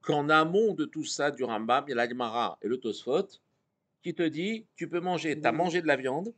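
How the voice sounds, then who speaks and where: A man's voice: fairly high pitch, normal speed, a bit bright. A man teaching an interactive Torah class, reading Hebrew passages aloud and explaining them to his students. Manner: explains text, reads Hebrew passages then translates.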